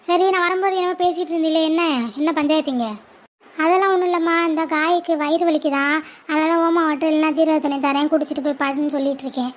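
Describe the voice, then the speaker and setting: A woman playing a scolding mother of two girls in a family drama, nagging sharply and without pause. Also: high-pitched, little pitch movement, close to an everyday voice. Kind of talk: family drama role-play.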